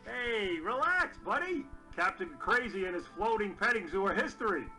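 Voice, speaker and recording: A grown male mammoth, the herd's steady leader in an animated film. He sounds high and bright, with a lively, swinging pitch. He speaks firmly and patiently, in unhurried lines. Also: faint music behind, full character voice, rough recording. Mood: coaxing.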